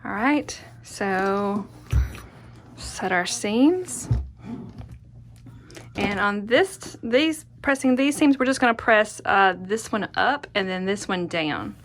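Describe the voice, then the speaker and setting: A woman's voice: medium pitch, lively intonation, slow, a bit bright, slight background noise. A woman giving a casual hands-on craft tutorial, chatty and murmuring encouragement to herself as she works. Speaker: quilting tutorial host. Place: indoors at a craft worktable.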